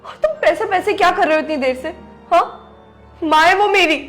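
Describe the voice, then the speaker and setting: A woman's voice: very high-pitched, a little fast, fairly bright tone, faint music behind. A woman playing a hurt wife who reproaches her husband in a scripted family skit. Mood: reproachful. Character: hurt, wounded young wife and daughter.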